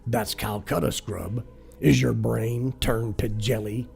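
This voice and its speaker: A man voicing a crusty, drunken old pirate saint who talks in a gruff, bellowing pirate manner, over music. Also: medium pitch, steady tone, slow, darkish tone, heavily acted.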